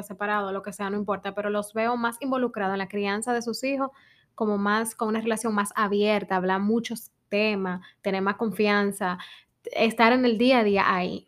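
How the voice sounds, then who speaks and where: A woman in her thirties co-hosting a casual podcast chat. She talks in a reflective, measured way and often chimes in to agree. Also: a little high. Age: 30s. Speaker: podcast co-host.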